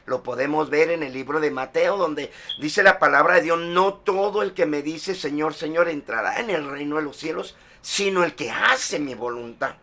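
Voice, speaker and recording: A man's voice: a little high, moderate pace, vocal fry, few pauses, sharp tone. A middle-aged male pastor giving a personal testimony in a sermon, sprinkling his talk with "amen". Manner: testimony-style preaching, frequent "amén".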